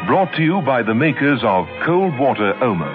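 A man's voice: medium pitch, sing-song, moderate pace. A man speaking as an old radio announcer, reading scripted programme credits on a vintage radio recording. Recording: vintage radio, narrow tinny band. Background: loud music.

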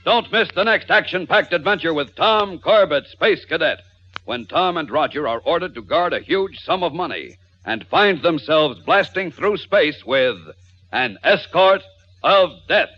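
A man's voice: fairly high pitch, animated, a little slow. A man announcing a 1950s radio adventure serial in a dramatic, declamatory style. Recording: muffled old broadcast disc recording. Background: music.

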